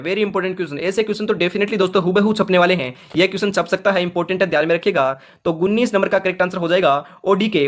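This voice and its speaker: A man's voice: a little high, fairly bright tone. A male coaching teacher running an exam quiz lesson, who reads each question and its options, then stresses the answer and keeps telling viewers to remember it. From Rajasthan, India. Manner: addresses viewers as friends, urges them to remember. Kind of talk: current affairs quiz lesson.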